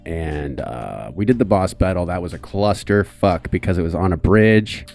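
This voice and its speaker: A man's voice: low-pitched, lively intonation, normal speed, gravelly, darkish tone, soft background music. A young man narrating a tabletop game as game master, loose and laughing. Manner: loose and laughing, lots of fillers.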